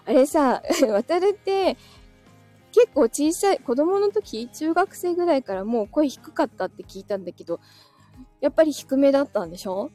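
A woman's voice: high-pitched, very animated, moderate pace, dark tone, soft background music. A woman hosting a casual livestream, chatting with listeners, reading their comments aloud and laughing often.

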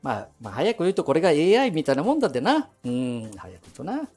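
A man's voice: a little high, huge pitch swings, fast talker, a little mellow, husky. A man in his seventies with a Nagoya dialect, chatting to himself in a rambling monologue while walking outdoors, full of chuckles and asides. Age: 70s. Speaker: podcast host. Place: walking outdoors and inside a bank ATM booth.

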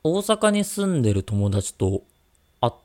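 A man's voice: medium pitch, big pitch swings, measured pace, darkish tone. A man co-hosting a radio-style podcast, chatting casually and teasing his co-host with jokes. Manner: teasing, joking banter.

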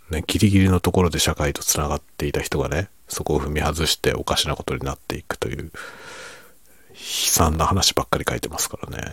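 A middle-aged man talks quietly into a close, dry microphone in a very low, creaky voice. His hushed, casual monologue rambles along with self-deprecating humor, sometimes sinking toward a whisper, made for late-night listeners falling asleep. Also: dry recording. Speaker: fiction writer chatting to listeners.

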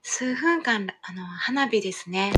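A woman's voice: medium pitch, animated, takes it slowly, a little hiss or hum. A woman with a Kansai accent hosting a casual live chat from home over dinner, talking chattily and reading out listener comments. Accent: Kansai Japanese. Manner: chatty, laughs often, reads comments aloud. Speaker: livestream host.

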